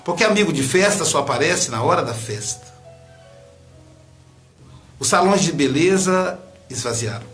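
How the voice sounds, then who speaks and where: A man's voice: fairly high pitch, expressive, normal speed, pauses often, fairly bright tone, faint music behind. Dramatic Brazilian man telling a story. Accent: Brazilian Portuguese. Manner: dramatic, with sudden swells and drops in volume. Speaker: speaker. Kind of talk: emotional storytelling talk.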